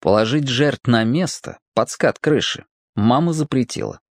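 A narrator reading a children's story aloud with expressive delivery. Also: mid-range voice, unhurried, dry recording, studio quality.

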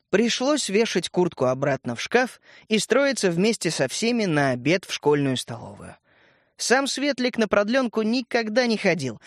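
A man narrating a children's story in a measured, expressive reading. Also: high voice, dry recording, studio quality.

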